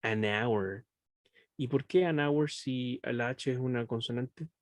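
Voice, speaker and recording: A man teaching English by video call takes his time, speaking in a medium pitch. He explains with patience, regularly checks that he's understood, and uses two languages. The sound is clean and studio-like with no echo.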